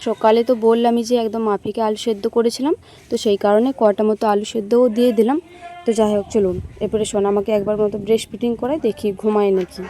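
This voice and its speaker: A woman's voice: medium pitch, steady tone, quick pace, mellow, a little hiss or hum. A woman vlogger chatting casually to viewers about her day, sounding tired. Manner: chatty, addresses viewers directly. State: tired, sore legs. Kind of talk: casual vlog narration.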